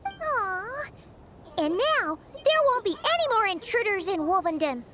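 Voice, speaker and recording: A woman voicing a tiny, childlike, perky fairy companion in a video game, chirpy and excitable. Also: very high voice, a little slow, slight background noise, full character voice. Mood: cheerful. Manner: chirpy, excitable, speaks of herself by name. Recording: loud game music behind.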